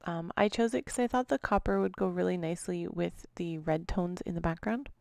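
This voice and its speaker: A woman's voice: fairly low pitch, fairly quick, creaky, a little mellow, no room sound, clean studio sound. A woman narrating her own crafting video in a casual, chatty voice-over, often apologizing and trailing off with small laughs. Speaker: scrapbooking vlogger.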